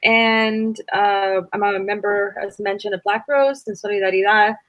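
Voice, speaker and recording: US woman panelist, measured talk, dry close sound. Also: medium pitch, fairly even intonation, no echo. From United States. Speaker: panel speaker. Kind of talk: presentation over a video call.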